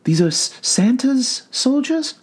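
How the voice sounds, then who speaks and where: A man voicing a composed female asylum doctor who speaks in a flat, measured, soothing tone. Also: very high-pitched, husky, pitched above the performer's own voice, exaggerated voice. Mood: probing.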